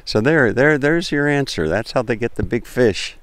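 A man's voice: medium pitch, animated, moderate pace. An American man from Florida narrating a walking vlog on a seaside pier, chatty and repeating himself as he looks around. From Florida, United States. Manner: chatty, repeats phrases while looking around. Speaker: vlogger. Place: outdoors on a long seaside pier.

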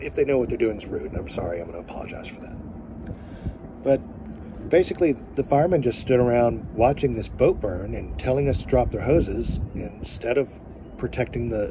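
Outdoors by a boat in sunlight, a family vlogger in his forties tells a story directly to a phone held at arm's length. His medium-pitched voice is earnest and emphatic, and he pauses to find his words. The outdoor phone audio picks up background noise.

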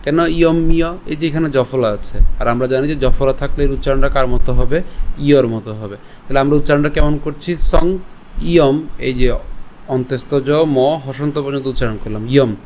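Man slowly teaching Sanskrit verse pronunciation. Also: medium pitch, darkish tone, a little hiss or hum. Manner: slow, syllable-by-syllable demonstration of verse; chants the verse in a sung melody. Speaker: Gita recitation teacher.

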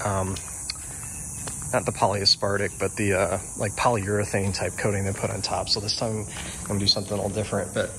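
Man, low voice, casual DIY narration, rambling, noisy garage recording. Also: brisk. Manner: relaxed, rambling, frequent ums and uhs. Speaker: home renovation vlogger. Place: garage under renovation.

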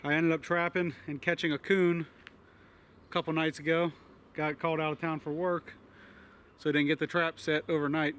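A man's voice: fairly high pitch, little pitch movement, moderate pace, pauses often, fairly bright tone, a little hiss or hum. A man giving a casual walkthrough of his homestead building site, talking in a plain, matter-of-fact way with fillers. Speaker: homesteader vlogger.

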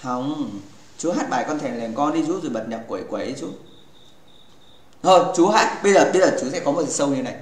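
A man's voice: mid-range voice, expressive, brisk. A man hosting a gaming livestream in casual chat, playful and teasing with his viewers, rambling and restarting his sentences. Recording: echoey room.

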